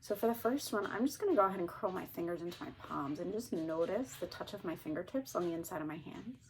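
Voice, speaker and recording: A woman therapist calmly and gently guiding listeners through a grounding exercise. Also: on the low side, fast talker, slight background noise, poor audio. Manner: calm, gently instructing. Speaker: therapist teaching a technique. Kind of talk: calm guided grounding exercise.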